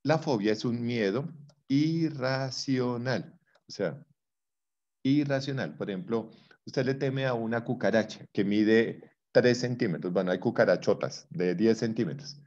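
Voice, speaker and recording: A man's voice: lowish voice, normal speed, a little mellow, lo-fi sound. A man teaching a psychology class, explaining with playful examples and teasing his students. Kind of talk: online class lecture.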